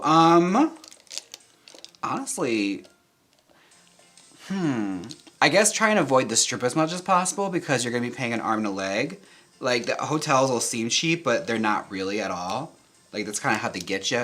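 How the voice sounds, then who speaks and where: A young man chatting casually with viewers while getting ready, campy and quick to laugh. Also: mid-range voice, very animated, a bit bright. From United States. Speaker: drag performer and channel host. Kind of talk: casual chat while reading viewer comments.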